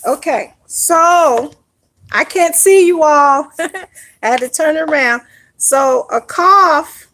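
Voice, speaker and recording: A woman's voice: high voice, takes it slowly, fairly bright tone. A woman teaching an online Hebrew lesson, explaining step by step and often checking in with "all right?".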